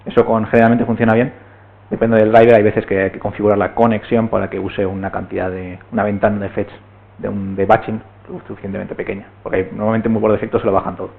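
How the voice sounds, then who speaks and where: A man's voice: on the low side, little pitch movement, fast, vocal fry. A man giving a technical talk at a meetup, explaining step by step and often checking in with the room. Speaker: meetup speaker. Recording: tinny, phone-like recording.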